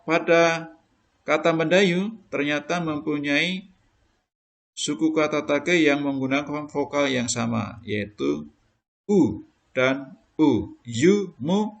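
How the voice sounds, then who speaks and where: A man's voice: a little high, gravelly, fairly bright tone. A male primary school teacher giving a recorded lesson, explaining patiently step by step to children.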